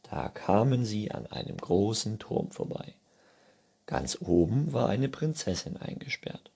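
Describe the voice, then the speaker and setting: A man's voice: on the low side, very animated, measured pace, vocal fry, mellow, breathy edge. A man reading a children's book aloud in a playful storytelling manner. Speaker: reader.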